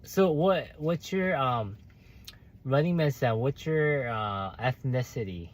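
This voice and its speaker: A man's voice: mid-range voice, expressive, takes it slowly. A young man, chatting casually on a livestream while reading viewer comments, hesitant with many fillers and restarts. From South Korea. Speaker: livestream host.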